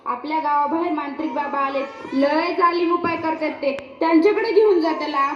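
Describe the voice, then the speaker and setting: A bossy village woman friend in a school play, played by a performer in a very high voice that gives brisk, insistent advice. The sound is dull and echoes around the hall. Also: a little hiss or hum, close to an everyday voice. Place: school stage.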